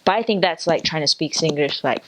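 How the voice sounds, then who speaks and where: A woman from Singapore with a Singaporean accent softened for foreign listeners, explaining casually and a little hesitantly, as if searching for examples. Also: low-pitched, brisk. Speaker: native speaker explaining dialect.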